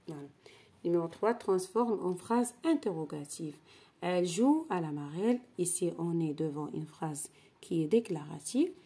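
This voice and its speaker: A woman teacher explains grammar slowly and patiently and often repeats key phrases. Her voice is low and gravelly with a husky edge. She has a mellow, unhurried delivery. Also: lively intonation. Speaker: French teacher. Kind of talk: explaining grammar exercise corrections.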